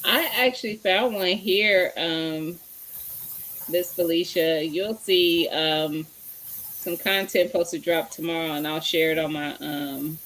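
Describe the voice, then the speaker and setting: A woman hosts a relaxed livestream, greeting viewers by name and chatting while she rummages through her kitchen looking for things. Her voice sits on the low side, fairly bright, with a steady tone and a slightly slow pace.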